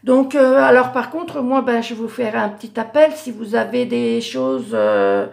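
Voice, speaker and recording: A middle-aged woman showing her handmade Christmas cards in a casual craft vlog, hesitant with many fillers and self-corrections, her voice going hoarse. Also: on the high side, lively intonation, a little slow, darkish tone. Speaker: craft YouTuber.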